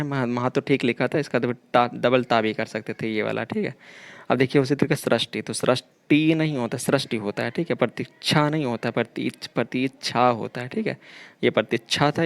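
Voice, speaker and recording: A man's voice: medium pitch, vocal fry. A man teaching a grammar lesson for exam preparation, explaining correct spellings and idioms, often repeating himself. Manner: repetitive, explanatory, keeps saying 'dekhiye' and 'theek hai'.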